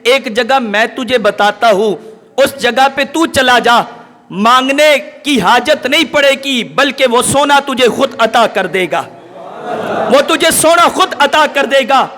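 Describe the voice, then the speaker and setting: A man preacher voicing a kind elder who gently consoles a crying child. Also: very high voice. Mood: consoling. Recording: long hall reverb.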